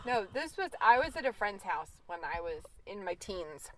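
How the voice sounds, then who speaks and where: A woman in her forties co-hosting a podcast in casual chat, telling animated stories and acting out quotes. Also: medium pitch, normal speed, slight background noise, poor audio. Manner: animated storyteller, acts out quotes with laughter. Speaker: podcast co-host.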